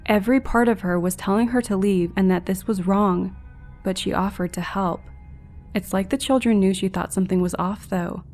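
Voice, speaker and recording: A woman calmly narrating a scary true-encounter story in a measured, scripted way. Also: medium pitch. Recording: faint background music.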